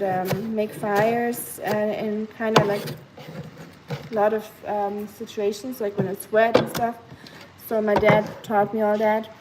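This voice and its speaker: A fairly high-pitched woman's voice comes through heavy background noise. She's a young woman live streaming from her home kitchen, half asleep, chatting casually with lots of fillers and reading her chat aloud. She sounds sleepy and relaxed.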